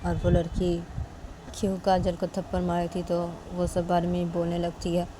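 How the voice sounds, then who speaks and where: A woman's voice: fairly low pitch, background noise. A woman telling a story informally, linking each event with repeated "then" phrases. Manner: chains events with repeated "तो तभी". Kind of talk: informal spoken story narration.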